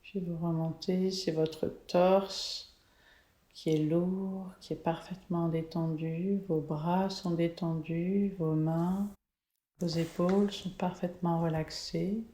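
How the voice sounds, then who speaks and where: Woman, soothing guided meditation, very slow, mellow tone, echoey room. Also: lowish voice, steady tone. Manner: soothing, slow, gentle spa-like delivery. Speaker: host leading a guided colour meditation.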